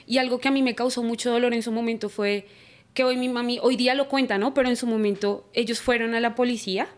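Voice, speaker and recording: Young woman telling her story on a church podcast, kinda high voice, acts out the quotes. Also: fast. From Colombia. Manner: animated, acts out quoted dialogue. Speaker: guest.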